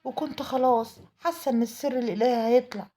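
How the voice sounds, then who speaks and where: A woman with an Egyptian Arabic accent tells a dramatic first-person story at a rapid clip. Her voice is mellow and slightly high, and she pleads and grieves as she goes. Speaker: storyteller narrating a mother's tale.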